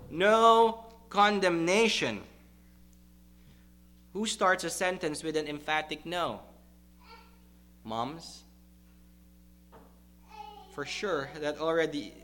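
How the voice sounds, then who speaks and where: A male pastor preaching a sermon to his congregation, emphatic and deliberate, repeating key words for stress. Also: on the high side, pushed and bright.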